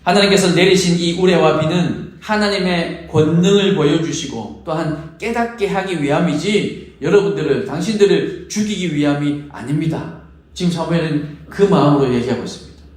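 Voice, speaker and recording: A man's voice: a little high, moderate pace. A man preaching a sermon as pastor, acting out quoted prayers and asking the congregation questions. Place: church sanctuary. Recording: very echoey church hall.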